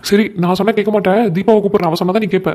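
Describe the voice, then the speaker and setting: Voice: medium pitch, steady tone, rapid-fire, darkish tone, close to an everyday voice. A voice actor playing a meek young husband in a cartoon comedy, pleading and apologetic. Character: meek young husband caught between wife and mother.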